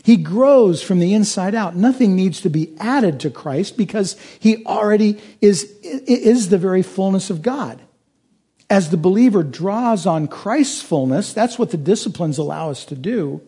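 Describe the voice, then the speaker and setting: Mellow-voiced man preaching a sermon. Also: sits high, animated, measured pace, husky. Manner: earnest preaching, rising to emphatic peaks. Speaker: pastor.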